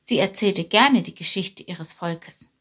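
A woman calmly narrating a children's storybook. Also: lowish voice, unhurried.

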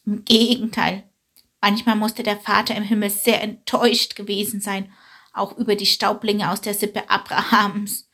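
A woman voicing a female goat in a storybook reading who tells old tales, mildly reproachful, with a breathy voice. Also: medium pitch, flat delivery, normal speed, a bit bright. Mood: storytelling.

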